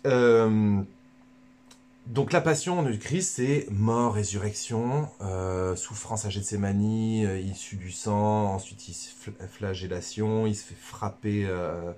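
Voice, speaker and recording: Male friar, livestream teacher, lowish voice, slangy and jokey, frequent restarts. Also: slow pace. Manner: joking, animated, bursts of laughter between points; loose, colloquial, stumbles over words. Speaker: friar giving a spiritual talk.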